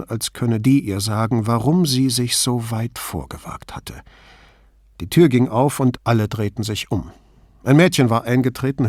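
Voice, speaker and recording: A man narrating an audiobook in an expressive, scripted reading on a close microphone. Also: mid-range voice, no echo.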